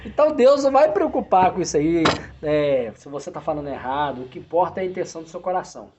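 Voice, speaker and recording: A man chats casually, joking and laughing as he talks. His voice is husky and a little high. The recording sounds dull and lo-fi. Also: lively intonation, quick pace, darkish tone. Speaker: host. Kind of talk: casual chat.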